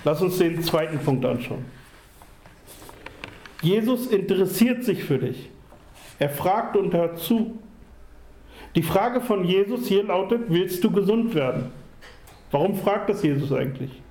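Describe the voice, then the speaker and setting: A man preaching a sermon in an earnest, measured way, repeating key phrases for emphasis. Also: sits high, lively intonation, dark tone. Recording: echoey room.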